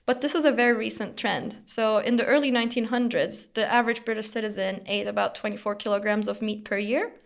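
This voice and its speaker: A young woman from Turkey, a researcher explaining her work in an interview in a measured way, with occasional fillers. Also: on the high side, fairly even intonation, gravelly. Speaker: researcher guest.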